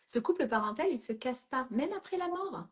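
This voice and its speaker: A woman's voice: high voice, animated, a little fast. A middle-aged woman coaching a participant in a live session, directive and reassuring, checking in often with "d'accord?" and slipping English phrases into her French.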